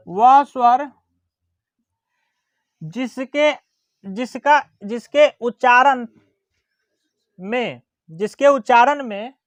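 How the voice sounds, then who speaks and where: A teacher giving a grammar lesson, dictating definitions slowly, repeating words and checking that students follow. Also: mid-range voice, no room sound. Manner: slow and deliberate, repeats words and checks understanding; drawls vowels aloud as examples.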